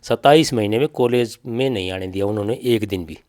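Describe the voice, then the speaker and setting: A rather low, darkish male voice, a little fast, belongs to a grieving middle-aged father with a Haryanvi accent. Giving testimony in an interview, he is insistent, repeats points, and uses reported speech.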